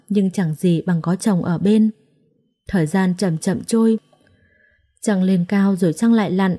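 A woman storyteller reads a story aloud. Her delivery is gentle and measured. Her voice is mellow and warm, at an ordinary pitch. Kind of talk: scripted story narration.

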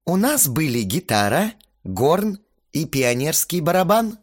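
A man's voice: fairly high pitch, sing-song, a little slow, voice pushed up. A man voicing a tipsy, giggly young woman. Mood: teasing.

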